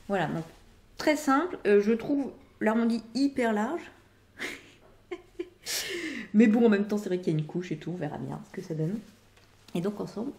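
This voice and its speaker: A woman's voice: mid-range voice, vocal fry, darkish tone, a little hiss or hum. A middle-aged woman hosting a knitting and sewing podcast, chatting her way through her finished projects and often wrapping up with "voilà". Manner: chatty, rambling explanations with frequent "voilà". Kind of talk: casual show-and-tell of finished projects.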